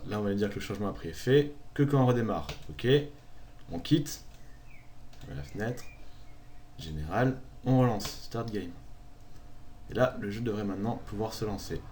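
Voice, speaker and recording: A man narrating a screen-recorded software tutorial, calmly walking through each click step by step. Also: lowish voice, moderate pace, long pauses, a little hiss or hum. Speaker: tutorial maker.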